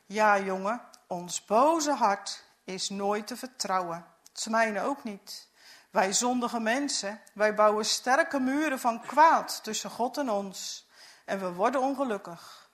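A woman voicing a kindly, devout elderly uncle in a storybook reading, speaking in a gentle, solemn hush. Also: medium pitch, takes it slowly, lightly acted.

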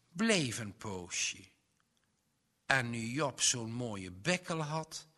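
Man reading a children's story aloud, bright voice, long reverberant room. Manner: expressive, with swings in pitch and loudness.

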